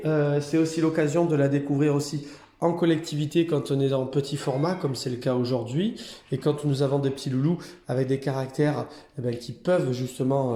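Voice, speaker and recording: Man, casual vlog chat, mellow voice, roomy echo. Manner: chatty, talks baby-talk to the cats in a higher voice. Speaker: cat hotel keeper.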